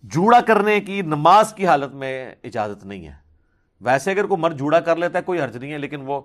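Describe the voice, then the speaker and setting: A man's voice: on the high side, very animated. A man giving a religious question-and-answer talk, reasoning patiently and pressing hard on his key points.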